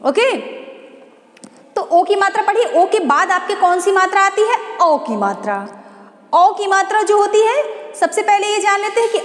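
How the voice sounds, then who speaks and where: A woman teaching a Hindi lesson to students, asking questions and answering them herself, and slowly drawing out each syllable. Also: very high-pitched. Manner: slow, drawn-out sounding of syllables. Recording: echoey room with long reverb.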